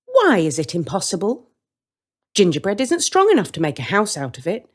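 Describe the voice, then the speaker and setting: A woman's voice: medium pitch, huge pitch swings, normal speed, voice pushed up. A woman voicing Hansel, a curious, practical young boy who questions things. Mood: skeptical.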